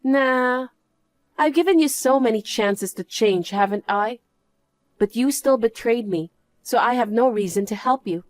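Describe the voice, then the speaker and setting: A woman's voice: a little high, measured pace, no room sound, close to an everyday voice. A woman playing a scornful betrayed wife in a story drama, scolding and dismissive. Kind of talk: dramatised story narration and dialogue.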